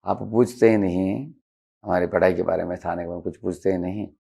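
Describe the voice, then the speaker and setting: A deep, gravelly, mellow and husky voice carries this devotional lecture on assertive speech, delivered a little fast with fairly even intonation. The spiritual teacher keeps it conversational, explaining slides, blending English vocabulary into his Hindi, repeatedly saying "haan" and dramatizing brief quoted examples.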